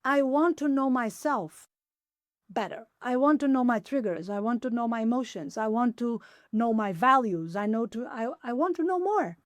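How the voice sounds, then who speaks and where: A woman in her forties speaks as a guest on an interview podcast. Her fairly high voice turns animated and leaps upward when enthusiasm takes over. The sound is close and dry. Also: moderate pace, no room sound. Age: 40s. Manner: enthusiastic, pitch jumps up when excited; animated, acts out her own inner questions. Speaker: podcast guest, applied philosopher. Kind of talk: conversational interview.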